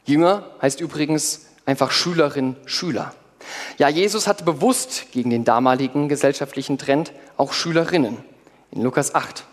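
A man preaching a sermon in first person as one of the apostles, lively, with playful asides to his congregation. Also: on the high side, moderate pace. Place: church hall before a congregation. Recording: long hall reverb.

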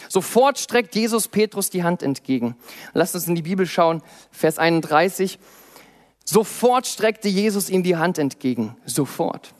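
A young man giving a sermon, dramatic, asking rhetorical questions and swinging between loud and soft. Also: a little high. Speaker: youth preacher.

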